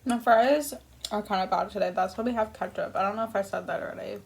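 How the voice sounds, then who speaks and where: Creaky-voiced young woman chatting while eating. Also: medium pitch, fast talker. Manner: talking between bites while eating; rambling, self-deprecating, casually sweary. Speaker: mukbang vlogger. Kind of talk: casual eating-video chat.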